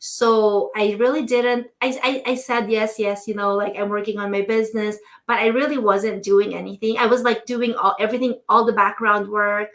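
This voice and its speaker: A woman's voice: mid-range voice, steady tone, normal speed, few pauses, a bit bright. A woman from the Philippines, a nurse and business owner, answering interview questions in a chatty way with frequent ums and light laughs. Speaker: interview guest, nurse and entrepreneur.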